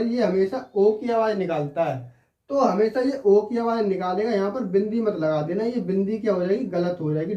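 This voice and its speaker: Teaching Hindi spelling online, a man with a high-sitting, dark-toned voice goes through the words individually. He keeps checking in with his listeners throughout. The recording sounds roomy, as the mic is some distance away.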